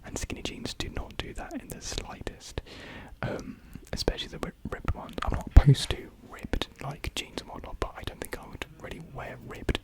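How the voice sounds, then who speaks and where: At normal speed with few pauses, a young adult whispers breathily and gently into a close mic. They're answering viewer comments in a relaxed ASMR chat, sounding unsure of themselves, rambling, and self-deprecating.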